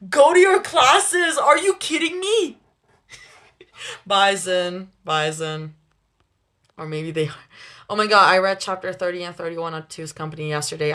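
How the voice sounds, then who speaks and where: A young woman chatting casually on a livestream. She reacts to viewers with quick asides, and she laughs often. Her voice sits at an ordinary middle pitch. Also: bright, forceful tone. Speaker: livestream host reading chat. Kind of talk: casual live chat with viewers.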